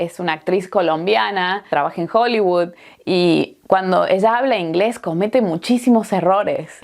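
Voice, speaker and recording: This Spanish teacher, an Argentine woman with her country's accent, has a fairly low, darkish voice. Her lesson is warm and encouraging, chatty in manner, with easy laughter and frequent "eh" fillers.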